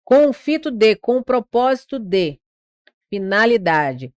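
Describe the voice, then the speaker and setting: A woman's voice: fairly high pitch, very animated, unhurried, smooth, dry recording, clean studio sound. A Brazilian woman teaching an online grammar lesson for exam prep. She explains step by step, asks rhetorical questions and drags out words to show which syllable is stressed. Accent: Brazilian Portuguese.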